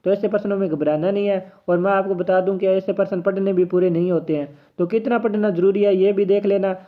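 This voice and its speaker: A man talks quickly through an exam practice problem, thinking aloud and cheering himself on as he solves it. His voice sits high for a man. The sound is tinny and narrow, like a phone line. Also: fairly even intonation. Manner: chatty, encouraging, thinks aloud while solving. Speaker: exam coaching teacher. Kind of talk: casual tutorial lesson.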